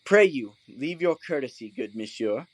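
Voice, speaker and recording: A man's voice: medium pitch, lively intonation, normal speed, no room sound, close to an everyday voice. A man as Bottom, pompous, swooping donkey-man. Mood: lordly, indulgent. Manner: pompous, mock-courtly, leisurely. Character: pompous, foolish Bottom, a man turned donkey, lordly and drowsy. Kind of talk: Shakespearean comic audio drama.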